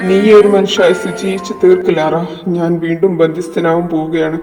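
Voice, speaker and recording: A man's voice: high-pitched, little pitch movement, a little fast, close to an everyday voice. A man voicing a young male vampire who says a grave, tender farewell to his lover. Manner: soft, grave farewell speech. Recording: echoey room with long reverb, from far off, music behind.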